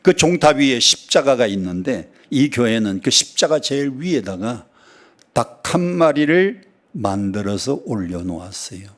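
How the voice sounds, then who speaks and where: A man preaching a sermon in a church, telling stories with sudden high exclamations and dialect jokes. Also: very animated, unhurried. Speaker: pastor. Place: church sanctuary.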